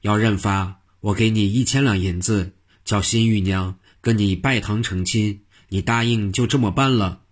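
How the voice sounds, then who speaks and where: A man voicing a joking, mischievous old monk in a spoken storybook, with a husky, low voice and a teasing, playful manner. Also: fairly even intonation, normal speed. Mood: mock stern.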